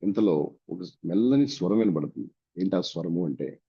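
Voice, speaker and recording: On a dull lo-fi recording, a Telugu-accented Indian man delivers a sermon in a low-pitched, husky, animated voice at a moderate pace. He relates a story with drama, performing the dialogue himself.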